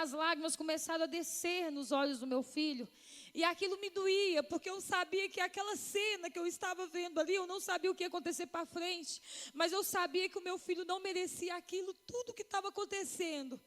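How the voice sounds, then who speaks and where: A woman's voice: sits high, a bit bright. A woman giving a heartfelt personal testimony to a church congregation, calling them brothers and sisters. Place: church hall. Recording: long reverb of a church hall.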